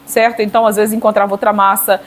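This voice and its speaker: A woman's voice: medium pitch, flat delivery, fast talker. A middle-aged Brazilian woman giving a casual cake decorating tutorial, chatty, checking in with her viewers with little tag questions.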